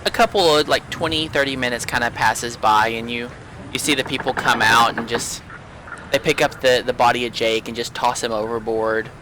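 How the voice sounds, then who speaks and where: A man's voice: mid-range voice, fairly even intonation. A man narrating as game master in a tabletop pirate game, often restarting and repeating words. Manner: halting, repeats words while describing. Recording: noisy home recording.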